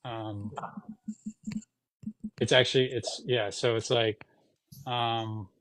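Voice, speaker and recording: A man's voice: mid-range voice, flat delivery, slow, fairly bright tone, no room sound, poor audio. A man hosting a casual livestream, trading joking, playful banter in an easy mid-range voice. His voice sounds close and dry, with no room sound around it. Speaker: livestream host.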